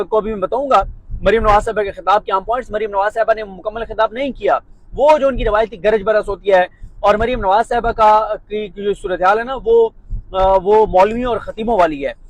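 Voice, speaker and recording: Pakistani guy ranting about politics, high voice, mocking and emphatic, dry close sound. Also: no room sound, poor audio. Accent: Pakistani Urdu. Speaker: political commentator. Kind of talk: political commentary monologue.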